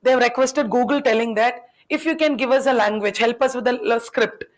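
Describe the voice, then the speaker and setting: Speaking fairly quickly in a slightly high voice, a Tamil-raised teacher lectures her class. She asks question after question, with a chatty, teasing style.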